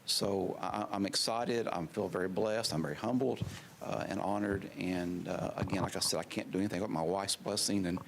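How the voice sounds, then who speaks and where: A man in his fifties, newly named assistant superintendent, speaking haltingly at a school board meeting with a swollen mouth after surgery. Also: sits low, steady tone, a little hiss or hum. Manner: halting, many fillers and restarts. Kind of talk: public remarks at a meeting.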